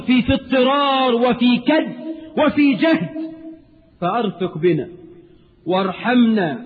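Egyptian preacher in an echoey hall. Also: male voice, very high voice. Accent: Egyptian Arabic. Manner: animated, acts out everyday scenes in dialogue. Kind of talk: recorded sermon. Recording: phone-like, echoey hall recording.

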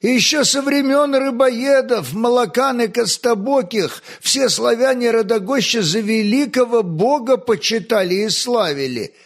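A man's voice: high-pitched, big pitch swings, a little slow, full character voice. A man reading aloud, voicing an indignant, hook-nosed old sorcerer who speaks out in displeasure. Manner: indignant, exclaiming.

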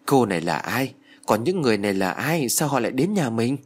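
A man voicing a grieving elderly grandmother who laments in drawn-out cries, reading a storybook. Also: mid-range voice, big pitch swings. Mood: puzzled.

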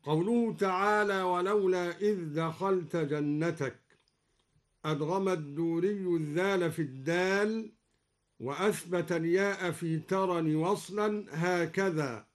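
An Egyptian-accented man with a high-pitched voice, a Quran scholar, discusses reading variants during a live radio broadcast. Each plain explanation gives way to a slow, melodic chanting of the verse in question.

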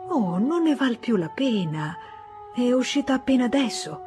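A woman's voice: a little high, big pitch swings, moderate pace, darkish tone, soft background music, pitched above the performer's own voice. Woman reading as a cool, evasive young wife. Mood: dismissive. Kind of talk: audiobook reading.

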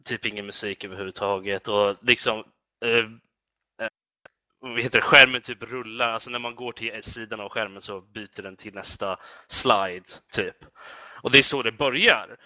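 A man's voice: mid-range voice, sharp tone, no echo. A man in casual chat as a podcast guest, rambling with many fillers and restarts.

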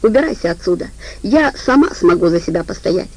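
A woman voicing a defiant armed young woman who talks in a sharp, mocking tone. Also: on the low side, animated, fairly quick, poor audio.

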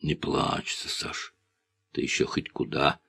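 A man voicing a hardened, defiant aging outlaw in an audiobook, husky and blunt. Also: sits low, big pitch swings, unhurried, no echo, studio quality, exaggerated voice. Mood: tender. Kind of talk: audiobook character reading.

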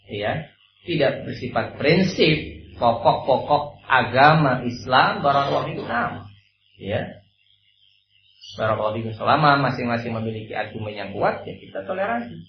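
A man preaching an Islamic study sermon, lively and acting out the quoted dialogue, with a blessing phrase dropped in as a filler. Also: mid-range voice, slight background noise. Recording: lo-fi echoey room recording.

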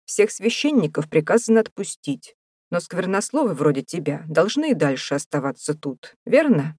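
A woman voicing a gruff, mocking male prison warder who bosses prisoners about in an audiobook. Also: fairly low pitch, very animated, moderate pace, darkish tone, no room sound, clean studio sound. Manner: rough, taunting, bossy.

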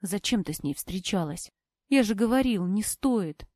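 A gentle older brother who speaks softly and soothingly, as a woman reading an audiobook voices him. He sounds steady and protective. The recording is close and dry. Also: mid-range voice, normal speed, no room sound, natural voice. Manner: soft, soothing. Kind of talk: audiobook character voice.

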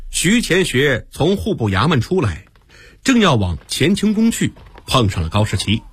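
A man narrating a historical radio story in an expressive storytelling style. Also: medium pitch, moderate pace, slight background noise.

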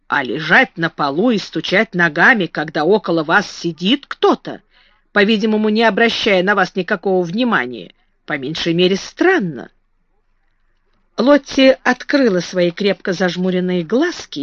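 A woman's voice: on the low side, no room sound. Woman narrating a storybook, dry sound. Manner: expressive storytelling reading. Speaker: audiobook narrator. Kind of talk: scripted narration. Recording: dry, slightly muffled recording.

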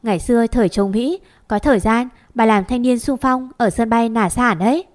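A woman reading as an old grandmother who chides her granddaughters fondly. The voice stays fairly high and plainly read, with homely, nagging advice. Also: moderate pace, darkish tone, natural voice. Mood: chiding. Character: old grandmother, fond but scolding.

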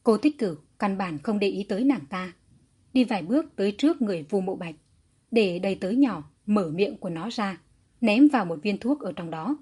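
Woman audiobook narrator, husky, even delivery. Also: medium pitch, moderate pace. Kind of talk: audiobook narration of a historical fantasy novel.

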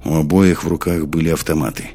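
A man reading an audiobook in scripted narration, measured and even. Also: a bass voice, husky.

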